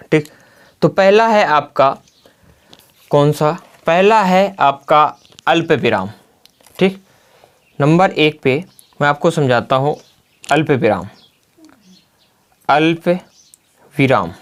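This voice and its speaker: A male teacher speaking with a Hindi accent walks through a grammar lesson at an unhurried, deliberate pace, spelling out every example. He keeps asking his own question and answering it right away, the way a classroom drill sounds. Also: a little high, lively intonation. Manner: repeats key words as questions and answers them himself.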